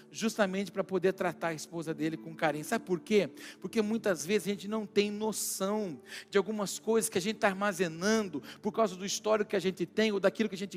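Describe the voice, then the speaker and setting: A male pastor with a Brazilian Portuguese accent, preaching a sermon and telling stories with acted-out voices. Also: high voice. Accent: Brazilian Portuguese, São Paulo interior. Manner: storytelling, acts out voices in anecdotes. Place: church hall. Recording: long church hall reverb.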